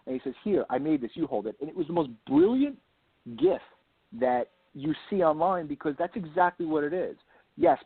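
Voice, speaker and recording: Over a lo-fi phone-like connection with a roomy echo, an author being casually interviewed rambles with enthusiasm and repeats words for emphasis. His mid-range voice carries a slight huskiness.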